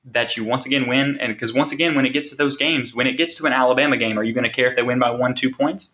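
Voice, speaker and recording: A man's voice: medium pitch, steady tone, fast talker, bright, forceful tone. A man hosting a sports podcast, talking casually and driving points home with rhetorical questions. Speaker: podcast host.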